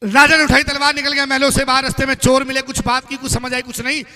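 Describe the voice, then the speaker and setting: A man's voice: very high-pitched, completely flat delivery, quick pace, pushed and bright, long reverb tail. A man narrating a devotional story at a live gathering, urging the crowd to chant along.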